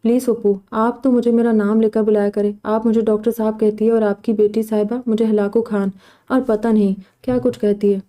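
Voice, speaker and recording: Teasing young doctor cousin, read by a woman, dark-toned, flat. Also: on the high side, close to an everyday voice. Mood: sulky. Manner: teasing and sulky.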